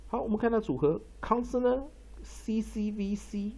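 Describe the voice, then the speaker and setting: A male English teacher giving a pronunciation lesson, explaining at length with many drawn-out fillers and reading dictionary entries aloud. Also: high voice, vocal fry, a little mellow. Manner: reads dictionary entries slowly.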